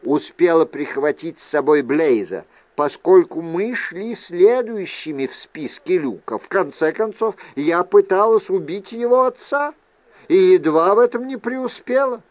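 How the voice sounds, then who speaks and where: A wary aristocratic aunt who is a sorceress, voiced by a male audiobook reader. She speaks slowly and deliberately, with a lifted pitch and pointed, probing questions. The recording is dry and a little dull. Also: animated, no room sound. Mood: cool, probing. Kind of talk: audiobook character voice.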